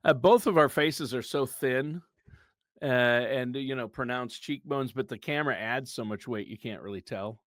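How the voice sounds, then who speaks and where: A man's voice: medium pitch, normal speed, a bit bright, no echo, clean studio sound. A man in his fifties co-hosting a podcast in casual chat, chatty and joking, laughing often. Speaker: podcast co-host.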